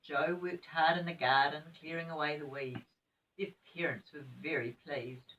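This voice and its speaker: A sweet older woman with a New Zealand accent, reading a children's story in a gentle, expressive grandmotherly way with chatty asides. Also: low voice, moderate pace, far from the mic, muffled recording.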